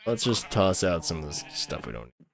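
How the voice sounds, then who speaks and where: A man with an American accent chats casually with his viewers while livestreaming a game, rambling and often restarting or correcting himself. His voice is low, sing-song and a bit bright, and he talks fairly quickly.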